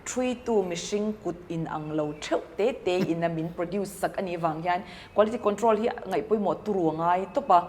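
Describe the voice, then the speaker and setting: A woman talking in a relaxed, thoughtful way and mixing in English business terms, recorded in a cafe. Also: medium pitch, normal speed, hardly any pauses, big-room sound, slight background noise. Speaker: entrepreneur guest. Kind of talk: casual conversation.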